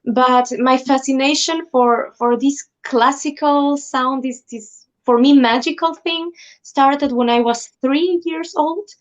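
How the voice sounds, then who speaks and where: Interview guest: woman from Ecuador, higher voice, earnest and enthusiastic, dull lo-fi call audio. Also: takes it slowly, few pauses. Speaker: guest singer. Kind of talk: live stream interview.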